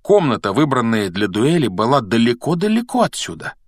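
A man narrating an audiobook in an expressive, measured way. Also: medium pitch, no room sound, clean studio sound. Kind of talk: scripted narration.

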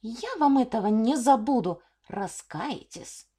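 A woman voicing an old, fat, stingy female ground beetle in a storybook reading, squeaky and scolding. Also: big pitch swings, unhurried, a little mellow. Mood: spiteful.

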